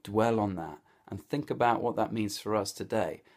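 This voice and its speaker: A man giving a devotional Bible talk, telling the story in a lively, storytelling way. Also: lowish voice, normal speed. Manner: storytelling, animated, with vivid hypotheticals. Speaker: Bible teacher.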